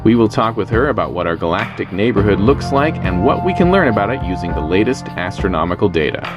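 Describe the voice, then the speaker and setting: A man hosting a podcast, reading a measured, explanatory scripted intro. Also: fairly low pitch, sing-song. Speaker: podcast host. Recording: guitar music playing behind.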